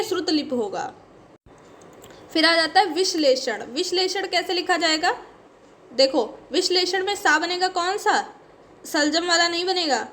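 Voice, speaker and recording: A woman's voice: high-pitched, a bit bright, slight background noise. A woman teaching a spelling lesson for exam preparation, explaining patiently and checking in often with her students. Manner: explains patiently, says "ठीक है" constantly.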